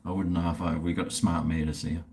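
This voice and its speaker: A man's voice: low-pitched, flat delivery, brisk, darkish tone. A middle-aged man, rambling casually on a livestream in a blokey, laid-back, sweary way. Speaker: livestream host. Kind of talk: casual rambling livestream chat while drinking beer.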